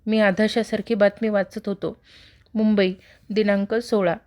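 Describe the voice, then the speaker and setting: A woman reading a horror story aloud in a steady, measured narrating voice. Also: mid-range voice. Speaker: story reader.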